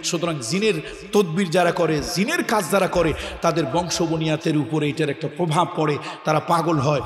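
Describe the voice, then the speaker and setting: A man preaching a sermon with a Bangladeshi regional accent, emphatic and building to loud repeated lists. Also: on the high side, moderate pace. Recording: echoey hall, reverb.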